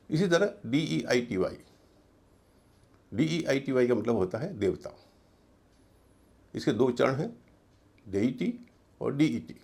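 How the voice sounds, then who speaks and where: A man teaching English pronunciation in a video lesson, spelling words out letter by letter and repeating each one in slow drills. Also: mid-range voice, gravelly, darkish tone.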